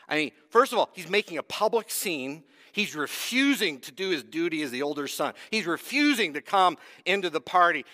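An earnest male pastor preaches in a church sanctuary, building to emphatic peaks and then falling to near whispers. His voice is fairly high and bright, and a long reverb rings through the hall. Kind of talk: sermon.

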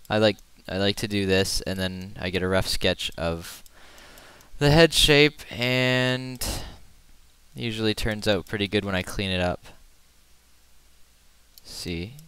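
A man's voice: lowish voice, bright, forceful tone, smooth, dry recording. A man casually talking through a drawing as he works, rambling and poking fun at himself, humming now and then. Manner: rambling and self-deprecating, hums to himself while working. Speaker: artist narrating his drawing. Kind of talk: casual screen-recorded drawing commentary.

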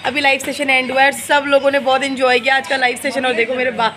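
A woman's voice: high-pitched, level tone, fast, crowd noise. A young woman chatting casually in a family vlog, affectionate and often laughing. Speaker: vlogger.

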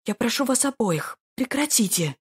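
A woman voicing a flustered young noblewoman who pleads breathlessly and breaks into sharp cries, read with a slightly husky voice. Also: mid-range voice, brisk, close to an everyday voice. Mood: pleading.

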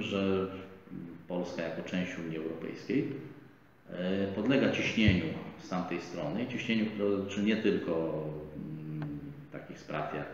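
A middle-aged man giving measured political commentary as a guest at a studio table, talking in a deliberate, lecturing way with frequent drawn-out hesitations. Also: low voice. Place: bright indoor studio set at a table. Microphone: table microphone on a stand, camera framed wide. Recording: echoey, roomy, slightly dull, faint hiss.

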